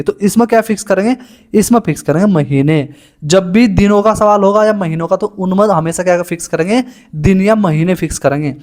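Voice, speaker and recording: Man, high voice, young adult, exam coaching teacher, chatty and informal, solving puzzles on a board. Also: darkish tone. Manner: chatty, calls students "bhai".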